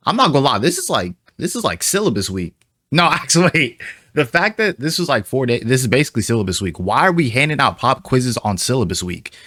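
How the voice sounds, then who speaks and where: A man's voice: mid-range voice, very animated, brisk, sharp tone, dry recording, clean studio sound. A man streaming a casual reaction to a video, thinking aloud in a chatty way with lots of fillers.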